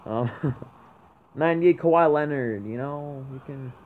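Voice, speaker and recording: A young man giving excited commentary over a mobile basketball game he plays, often bursting out at big plays. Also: on the high side, a little slow. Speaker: gaming YouTuber. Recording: tinny lo-fi mic with faint noise.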